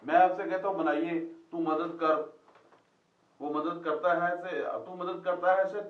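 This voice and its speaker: A man's voice: high voice, level tone, unhurried, reverberant, muffled recording. A man teaching a class, quizzing students and repeating their answers back, recorded from a distance in a classroom. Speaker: Quran Arabic teacher. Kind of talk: classroom lesson with questions to students.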